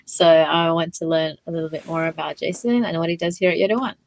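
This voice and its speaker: A woman's voice: low-pitched, fast, creaky. A woman, hosting an interview over a video call with light, curious questions. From Australia.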